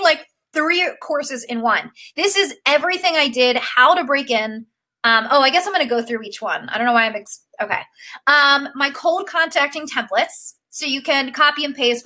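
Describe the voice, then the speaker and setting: A woman's voice: high voice, sharp tone. A young woman coaching actors, talking emotionally and gushing about her course, with lots of fillers and "like". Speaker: acting career coach. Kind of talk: live-stream course pitch.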